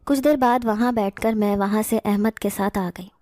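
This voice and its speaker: A woman narrating a first-person horror story in a steady storytelling manner. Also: medium pitch, no echo, clean studio sound.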